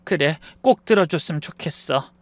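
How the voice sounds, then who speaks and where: Dying elderly rich woman, gentle and remorseful, read by a man with a high voice; dry close audio storybook reading. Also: lively intonation, moderate pace, dry recording, lightly acted. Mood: urgent, tender. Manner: soft, weary, apologetic speech.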